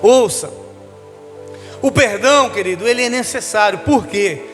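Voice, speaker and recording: A man's voice: high voice, unhurried, fairly bright tone, in a large hall, soft background music. A man, a bishop, preaching a sermon, calling the congregation "querido" and leading them in call-and-response. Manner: addresses listeners as "querido", leads call-and-response.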